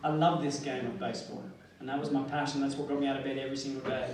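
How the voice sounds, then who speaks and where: A man's voice: medium pitch, level tone, racing. An Australian man giving a motivational speech, telling his life story earnestly with bits of humor. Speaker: motivational speaker. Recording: echoey hall, distant mic, noisy.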